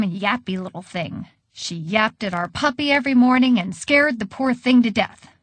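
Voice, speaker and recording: A woman narrating an audiobook in an expressive, conversational storytelling manner. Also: fairly high pitch, no echo.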